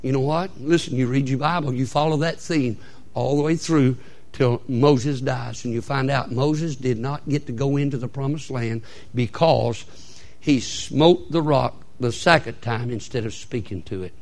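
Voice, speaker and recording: A male pastor preaching a sermon, building to shouted peaks and stretching words out for emphasis. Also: mid-range voice, moderate pace, vocal fry.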